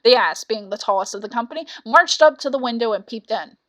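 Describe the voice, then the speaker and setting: A woman's voice: fairly high pitch, animated, a little fast, a bit bright. A woman reading a fairy tale as a storyteller, in scripted narration.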